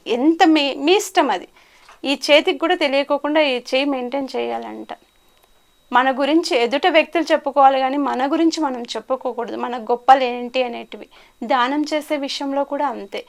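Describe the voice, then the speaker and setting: Her voice high and creaky, at a moderate pace, a female life coach shares stories in an interview and brings them to life by acting out what people said.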